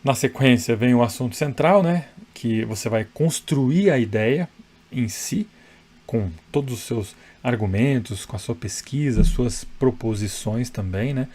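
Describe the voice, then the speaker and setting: A man's voice: medium pitch, expressive, measured pace, a little mellow. A man coaching public speaking straight to the camera, chatty and emphatic, often checking in with the viewer. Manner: conversational, tag questions, emphatic. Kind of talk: direct-to-camera advice.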